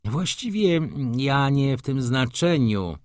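A man's voice: medium pitch, big pitch swings, slow, dry recording, studio quality, voice pushed up. A man voicing a flustered, evasive man who answers in a hesitant, stammering way.

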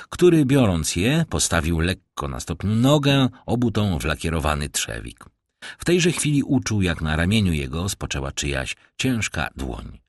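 A man narrating a classic novel as an audiobook, in expressive storytelling fashion. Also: no echo. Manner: expressive storytelling with wide swings in pitch.

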